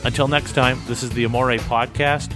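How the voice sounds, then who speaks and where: A man's voice: medium pitch, steady tone, moderate pace, music in the background. A man hosting a podcast interview, friendly and chatty, laughing often and restarting his phrases. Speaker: podcast host.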